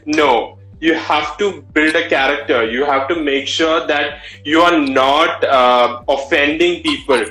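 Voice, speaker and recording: A man's voice: on the high side, a little slow, few pauses, bright, forceful tone. A man in his thirties with a Malayali Indian English accent, talking expressively and conversationally as an interview guest. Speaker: interview guest, drag performer. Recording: roomy echo with background music.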